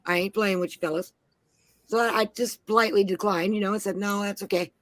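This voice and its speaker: A woman's voice: medium pitch, fairly even intonation, fast talker, a bit bright, no room sound. A woman from Minnesota on a panel, telling blunt, heavily profane stories in casual chat. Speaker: panel guest.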